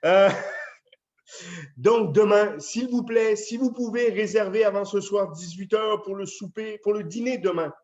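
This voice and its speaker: French guy, a chef, chatting away with lots of euhs, high-ish voice, muffled sound. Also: measured pace. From France. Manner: chatty, friendly, with many fillers. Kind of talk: casual address to residents. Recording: dull lo-fi video sound.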